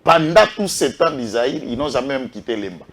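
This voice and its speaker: A man's voice: mid-range voice, expressive, moderate pace, a bit bright. A man with a Congolese French accent giving impassioned political commentary, emphatic and full of rhetorical questions. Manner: emphatic, rhetorical questions, lists names with a repeated "est qui?".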